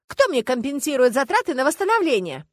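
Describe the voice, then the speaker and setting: A woman voicing a haughty, indignant rich lady who speaks shrilly and loudly in an audiobook. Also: fairly high pitch, expressive, fast talker, no room sound, studio quality, voice pushed up. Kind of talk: audiobook character voice.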